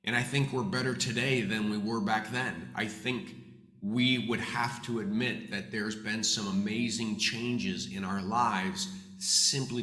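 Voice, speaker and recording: A man's voice: lowish voice, a bit bright. A man giving a live morning devotional as pastor, earnest and encouraging, his voice carrying a heavy hall-like echo from his office. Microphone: desk microphone streamed online. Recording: echoey reverberant room.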